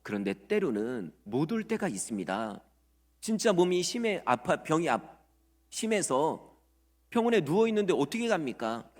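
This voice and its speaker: Male pastor, sermon, animated pitch swings, fairly high voice, long church reverb. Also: moderate pace. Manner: lively preaching, acts out prayers and quotes in voices. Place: church sanctuary.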